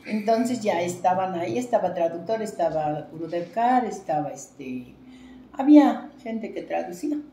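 A woman's voice: on the low side, expressive, normal speed, warm tone, a little hiss or hum. Rambling Mexican woman healer, echoey room. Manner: rambling storytelling with fillers and restarts. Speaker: traditional healer. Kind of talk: interview storytelling.

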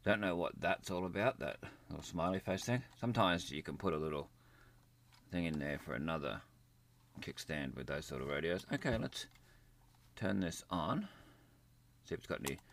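The gadget reviewer's voice sits low, expressive and a bit bright, at normal speed. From a desk near a computer indoors, he offers a casual, unscripted, plain-spoken hands-on gadget demo.

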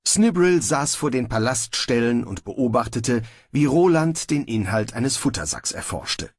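A man giving scripted audiobook narration with lively storytelling. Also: medium pitch, unhurried, slightly rough, no room sound.

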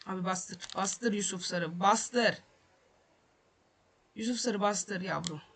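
A man's voice: sits high, slow, gravelly, sharp tone, breathy edge. A man hosting a gaming channel, commenting on his football game as he plays, frustrated, swearing and repeating himself. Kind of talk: let's play commentary.

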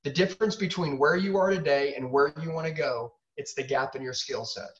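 A man's voice: fairly high pitch, a little fast. A man speaking as a sales trainer and host, giving emphatic, punchy motivational coaching and repeating himself for effect. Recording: distant mic, dull lo-fi sound.

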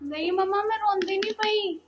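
A woman playing a daughter who answers her mother softly and reassuringly. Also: very high-pitched, brisk, muffled recording. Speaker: daughter in a family drama. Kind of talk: scripted family drama acting.

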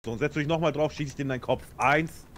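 A man's voice: on the high side, quick pace, background noise. A man in a crime-game role-play, talking in brash, threatening street slang.

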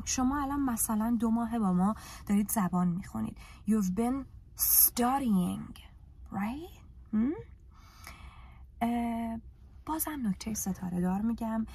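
A woman with a Persian accent teaching English in a casual live lesson, lively and teasing as she coaxes her students. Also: medium pitch, slightly rough.

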